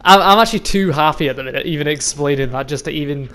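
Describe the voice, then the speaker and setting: A Highland man in his twenties, Scottish-accented, speaks straight to his channel's viewers in a chatty, rambling way, swearing freely and laughing often between thoughts. He's a vlogger and youth football coach giving a casual monologue to camera. His voice is a little high for a man, smooth, clear and a bit bright, and he talks at a quick pace.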